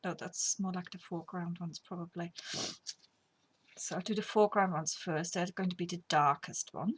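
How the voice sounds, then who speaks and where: Husky and lowish, this woman's voice keeps a fairly even intonation at a moderate pace. She's a middle-aged craft tutorial host with a slight cold who chats and rambles through her demonstration, whispering while she works, with faint noise in the background.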